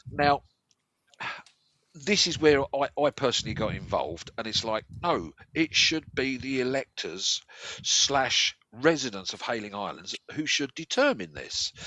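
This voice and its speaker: An English man argues his view on local affairs in a bright, forceful voice. His pitch moves a lot as he stresses and repeats phrases. The diction is slightly slurred and toothless, and the sound is dry. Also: dry recording, poor audio. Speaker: local resident on a discussion panel. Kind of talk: opinionated discussion of local affairs.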